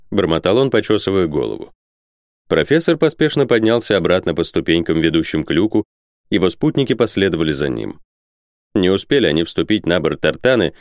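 A male audiobook reader with a fairly low voice and lively, rising and falling intonation. The recording is dry and close. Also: clean tone, no room sound. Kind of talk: scripted narration.

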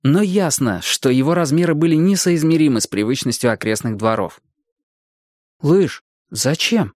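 A man reads a story aloud in a mid-pitched voice whose melody rises and falls a lot. The sound is dry and close, with no room around it. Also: brisk, no echo. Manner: expressive, animated reading. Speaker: narrator. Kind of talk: audiobook storytelling.

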